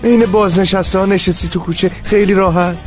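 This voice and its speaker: A man's voice: high voice, fairly even intonation, soft background music, lightly acted. A man dubbing a playful, gossipy close friend in a dubbed TV drama. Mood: teasing.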